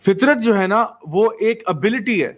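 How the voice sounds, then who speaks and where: A man's voice: high voice, animated. A man teaching Quran commentary, building his points with everyday examples and rhetorical questions, and mixing English terms into his talk. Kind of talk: religious lecture explaining Quran verses.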